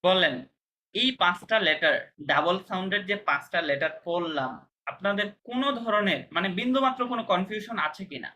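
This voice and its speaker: A man's voice: high-pitched, expressive, fairly quick, bright, forceful tone. A man teaching a language class, patiently explaining pronunciation step by step and checking whether students understand.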